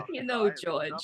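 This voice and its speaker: A woman playing a sassy, tough-talking dame in a comedic audio play. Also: medium pitch.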